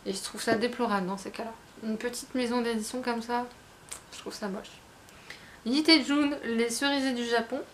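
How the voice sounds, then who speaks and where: A woman's voice: fairly high pitch, fairly even intonation, moderate pace, a little hiss or hum. A woman chatting casually, rambling with many fillers and restarts. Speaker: book vlogger. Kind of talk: casual chat.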